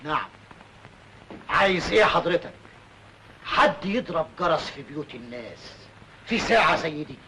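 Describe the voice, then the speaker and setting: An Egyptian man as an irritated householder in an old film comedy. His voice is forceful and swings animatedly, on a slightly noisy vintage soundtrack. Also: fairly high pitch, big pitch swings, moderate pace, pauses often. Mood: annoyed. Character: irritated householder woken at a late hour.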